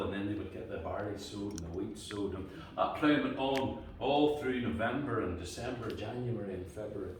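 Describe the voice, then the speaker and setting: Low Northern Irish man storyteller, echoey and distant. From Antrim, Northern Ireland. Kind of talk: live folk storytelling. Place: indoor cottage gathering. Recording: very echoey room, distant microphone, faint noise.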